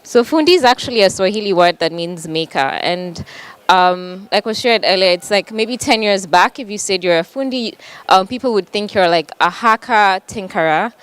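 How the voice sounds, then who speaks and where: Woman, young, from Kenya, panel talk, clear smooth voice, casual with ums. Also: medium pitch, moderate pace, a bit bright. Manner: casual, with frequent ums and light laughs. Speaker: panel speaker. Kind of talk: conference presentation. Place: conference hall.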